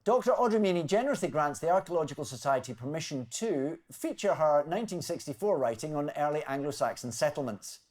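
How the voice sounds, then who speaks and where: A man hosting a comedy news quiz, reading scripted jokes with wry, deadpan timing. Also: on the high side, quick pace, hardly any pauses. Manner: wry, deadpan delivery of punchlines. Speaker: quiz show host.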